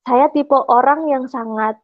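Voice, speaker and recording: Young woman, shy interview guest, fairly high voice, halting personal testimony, dry and slightly dull sound. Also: dry recording. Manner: halting, recounting at length with frequent hesitations.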